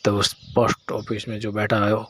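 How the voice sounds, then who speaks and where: A man narrating a horror story in a plain, halting storytelling manner with frequent restarts. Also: on the low side, completely flat delivery, fairly bright tone, a little hiss or hum.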